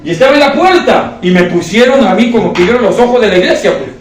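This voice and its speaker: High-voiced preacher in an echoey hall. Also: male voice, quick pace, slight background noise. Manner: animated storytelling with many repeated words. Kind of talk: sermon. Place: church hall. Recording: very echoey hall, voice far from mic.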